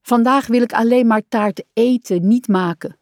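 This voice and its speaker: A bored young male frog from a children's storybook, sulky and listless, voiced by a woman reading aloud. He speaks noticeably higher and louder than the narration. The recording is dry and close. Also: normal speed, no echo, natural voice.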